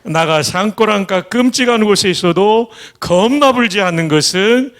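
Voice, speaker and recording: A man's voice: sits high, expressive, a bit bright, voice pushed up. A man reciting a psalm in a broad Jeolla dialect, exclaiming and drawing words out. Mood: exuberant. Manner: exclamatory, drawn-out folksy recitation.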